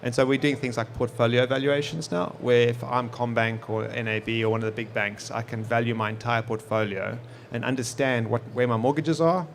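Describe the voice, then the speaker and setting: A man in his forties with a South African accent speaks in a mid-range voice, brisk and fairly even, with some vocal fry and a faint hiss or hum. He's a technology executive appearing as a guest on a live podcast on an expo stage, giving easygoing, conversational interview answers.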